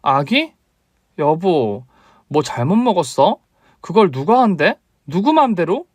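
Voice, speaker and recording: A man's voice: sits high, sing-song, takes it slowly, darkish tone, dry recording, heavily acted. A man voicing a selfish, demanding young wife who whines and accuses in a story radio drama. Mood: dismissive. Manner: whiny, accusing, nagging.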